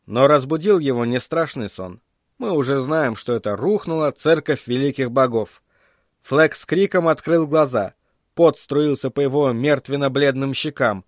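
A man narrates a fantasy story in a measured, even storyteller's voice. His pitch sits in the ordinary middle range, and the recording is close and dry, with no room echo. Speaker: audiobook narrator.

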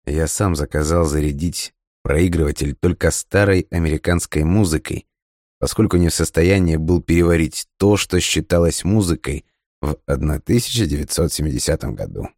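Deep-voiced man reading a story. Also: normal speed, a little mellow, no echo, studio quality. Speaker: audiobook narrator. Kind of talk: scripted first-person narration.

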